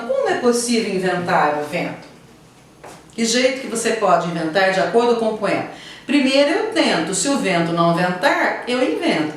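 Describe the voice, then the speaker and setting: A woman teacher giving a lesson, explaining patiently and often checking in with her pupils. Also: mid-range voice. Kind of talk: online class lesson. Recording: very echoey room, voice from a distance.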